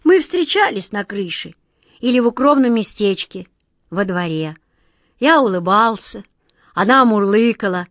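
Cast a woman as a smug old storybook tomcat, wistful and unhurried, dry close sound. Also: mid-range voice, expressive, dry recording, close to an everyday voice.

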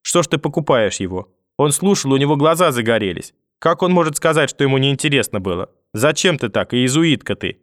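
A man's voice: mid-range voice, animated, a little fast, no echo, clean studio sound, voice pushed up, lightly acted. A man voicing a wounded young mother who pleads and reproaches. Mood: reproachful.

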